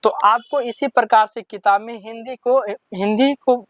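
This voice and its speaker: A teacher running a Hindi reading lesson, drilling word lists slowly and explaining each sentence in plain everyday talk. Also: medium pitch, steady tone, no echo, rough recording.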